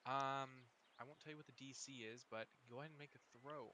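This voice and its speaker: A man running a tabletop game as dungeon master, easygoing and quick with rulings as he calls each player's turn. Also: mid-range voice, fairly even intonation, bright, forceful tone, a little hiss or hum.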